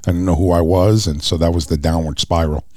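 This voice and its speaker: A man's voice: sits low, fast, no room sound, studio quality. A middle-aged man, a former professional wrestler, giving an earnest personal testimony as a guest in an interview. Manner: earnest storyteller, lively when retelling.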